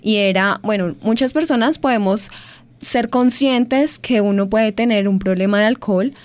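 Woman interviewer, measured and thoughtful, long questions. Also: mid-range voice, no room sound.

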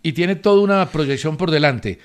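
A man's voice: fairly high pitch, expressive, moderate pace, clear, resonant tone. A man hosting a sports radio show, chatting casually and pressing his co-host with pointed questions. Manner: insistent, quizzing his co-host.

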